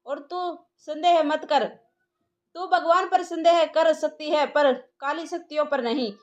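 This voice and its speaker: A woman's voice: high voice, fairly even intonation, unhurried, lo-fi sound. Woman voicing a bossy scheming mother. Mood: scolding. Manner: scolding, domineering.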